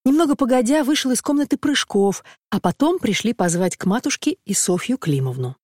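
A woman's voice: a little high, very animated, fairly quick, a little mellow, dry recording. Woman reading classic prose, dry close sound. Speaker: audiobook reader. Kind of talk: scripted narration of classic prose.

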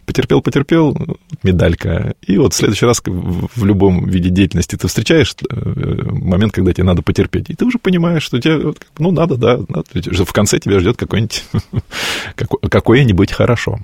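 A man in his late forties answers an interview question slowly and reflectively, often pausing to find the right word. His voice sits low and has a gravelly edge with some huskiness in it. The sound is dry and close. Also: big pitch swings, a little mellow, no echo. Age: 40s. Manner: thoughtful, searching for words, breaks off and restarts. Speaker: guest.

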